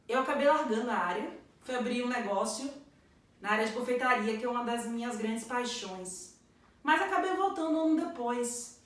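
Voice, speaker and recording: A woman in her thirties from Northeast Brazil, giving an earnest, reflective personal testimonial about her career in computing. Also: fairly high pitch. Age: 30s. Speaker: computer science graduate. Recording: echoey room, distant mic.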